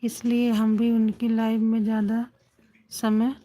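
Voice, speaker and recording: A woman chats casually with viewers on a phone livestream, greeting each one by name. Her voice sits slightly high. She keeps the talk going with repeated little affirmations. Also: completely flat delivery, measured pace, dark tone, slight background noise. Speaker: livestream host. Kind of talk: casual chat with live viewers.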